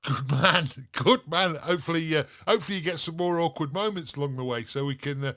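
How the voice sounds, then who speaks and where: A man's voice: on the high side, a little fast, pushed and bright. A man hosting a radio phone-in, chatting casually with callers and laughing easily. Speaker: radio show host.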